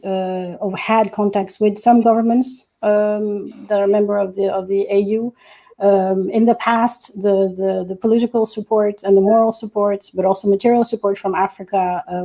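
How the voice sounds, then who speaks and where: A woman who grew up in Senegal, speaking as an activist guest on a panel, earnest and measured with frequent hesitations. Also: medium pitch, dark tone. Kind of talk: panel discussion.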